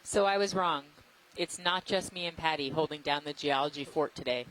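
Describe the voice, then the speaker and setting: A man's voice: a little high, normal speed, fairly bright tone, a little hiss or hum, poor audio. A man giving friendly, chatty live commentary as geology co-host on a livestream.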